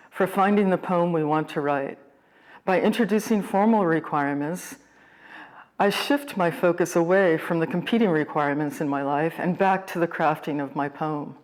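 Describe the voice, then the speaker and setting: A woman poet hosting a video series, giving a measured, deliberate scripted lesson on poetic form. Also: fairly low pitch, a little mellow. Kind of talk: scripted lecture on poetry.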